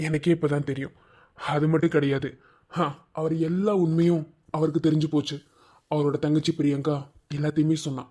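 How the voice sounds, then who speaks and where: A man's voice: a little high, natural voice. A man voicing an angry young village husband with a Madurai Tamil accent in a cartoon, curt and snapping orders. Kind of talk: cartoon voice acting.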